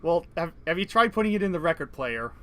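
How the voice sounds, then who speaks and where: Man, fairly high voice, reads game narration, laughing asides. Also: lively intonation, fast. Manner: reads narration evenly, then jokes and laughs between lines. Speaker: let's play co-host reading game text. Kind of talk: reading a visual novel aloud with commentary.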